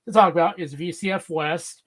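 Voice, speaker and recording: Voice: medium pitch, normal speed, slightly rough. A guest on a casual podcast chat who teases dryly and works through a list of notes. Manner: dry teasing, organized with a list of notes.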